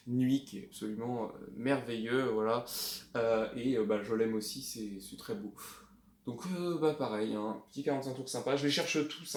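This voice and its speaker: A man chatting casually about his secondhand records, hesitant and rambling but fond of the music. His voice sits at an ordinary middle pitch. The room gives it a noticeable echo. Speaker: record collector vlogger. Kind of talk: casual show-and-tell of flea-market finds. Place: indoors at home. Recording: echoey room.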